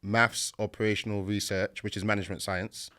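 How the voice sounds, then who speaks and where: A man's voice: fairly low pitch, little pitch movement, fairly quick, sharp tone. A man with a south London accent telling his own story casually as a podcast guest, in a conversational, matter-of-fact way. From south London, England.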